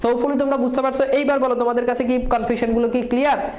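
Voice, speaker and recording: This woman's voice is a little high and darkish, with little pitch movement, in an echoey room. She's a teacher quizzing exam-prep students with quick questions and answers, mixing in English words.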